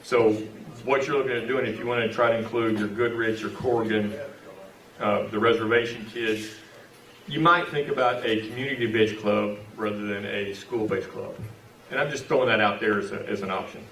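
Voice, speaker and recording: A man's voice: fairly low pitch, fairly even intonation, normal speed, a bit bright. A man giving a folksy, joking talk to a club meeting. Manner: folksy and joking, with Texas slang like y'all. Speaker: visiting speaker at a club meeting. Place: meeting room at a club lunch. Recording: echoey room from far off.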